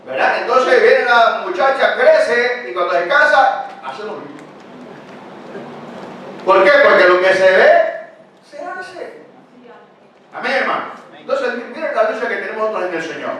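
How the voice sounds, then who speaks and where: An older male pastor delivers a chatty, conversational sermon full of rhetorical questions, his voice very high and fairly bright, with big pitch swings, normal speed and long pauses. The mic sits far away in a very echoey church hall, with faint background noise.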